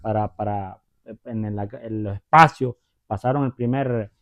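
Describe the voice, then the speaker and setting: This preacher's voice sits on the low side with a fairly bright tone, and he keeps a measured pace. In his conversational Bible teaching he retells stories, voices the characters, and often uses tag questions to check in with listeners, over tinny, phone-like audio.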